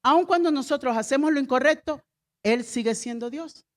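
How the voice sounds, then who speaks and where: A woman's voice: high voice, moderate pace. A middle-aged woman pastor preaching a sermon with emphatic repeated refrains and call-and-response to the congregation.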